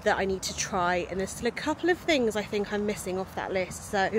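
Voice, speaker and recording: Expressive and a touch quick, her mid-range voice carries the upbeat, chatty narration of a casual travel vlog aimed straight at the lens. The woman, in her thirties, holds the phone at arm's length outdoors among city streets and park paths, where traffic noise bleeds into the recording.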